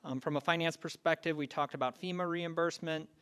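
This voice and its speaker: A man giving a finance and audit committee report at a school board meeting, pausing often with ums. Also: a little high, steady tone, fairly bright tone, clean tone. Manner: hesitant, frequent ums.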